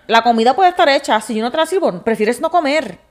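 A woman's voice: high-pitched, animated. Fiery Puerto Rican woman, blunt and profane. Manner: blunt and profane, mixing in English; exasperated, rapid lecturing. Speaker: podcast co-host. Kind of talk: heated couple argument.

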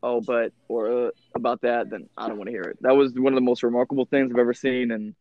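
A man's voice: mid-range voice, little pitch movement, fast, dry recording. A man speaking earnestly and emphatically in a casual conversation as a podcast co-host. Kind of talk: casual chat. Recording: slightly dull, dry sound.

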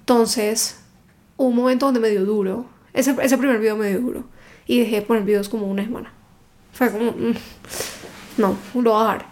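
A woman, a book content creator telling stories in a casual interview, emphatic and animated. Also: a little high, fairly quick. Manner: animated, emphatic storytelling with reported dialogue.

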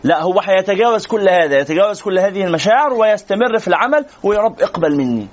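Fast-talking Egyptian sheikh lecturing. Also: male voice, sits high, animated, highs cut off. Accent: Egyptian Arabic. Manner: rapid, conversational, answering students' questions. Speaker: sheikh teaching a religious lesson. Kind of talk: religious lecture to a class.

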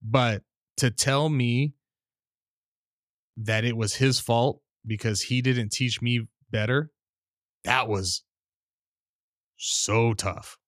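A man hosting a casual podcast, swapping childhood stories with an animated, storytelling delivery. He slips into the voices of the people in his tale. His voice sits at an everyday middle pitch, and the recording is dry and close, with no room sound. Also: drawn-out words, long pauses, no room sound. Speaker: podcast host.

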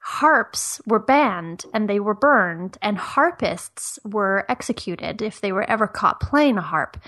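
A woman's voice: medium pitch, fairly bright tone. A woman from Ireland, a guest on a trivia podcast, chatting casually and laughing easily over a remote call. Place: home near Toronto.

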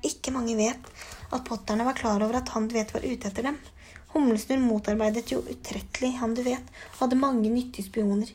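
A woman reading an audiobook, voicing a gruff, pompous male minister who speaks brusquely in a lowered, grave tone. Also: a little mellow, a little hiss or hum, close to an everyday voice.

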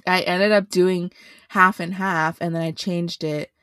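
A woman's voice: fairly low pitch, fairly even intonation, measured pace, fairly bright tone, smooth, no echo, studio quality. A woman co-hosting a podcast, telling a story in casual chat, blunt and full of swearing. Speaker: podcast co-host.

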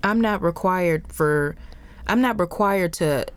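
Emphatic woman co-host, lowish voice. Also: slow, clear, resonant tone. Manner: emphatic, repeats phrases, frank and salty. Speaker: podcast co-host. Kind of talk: casual chat.

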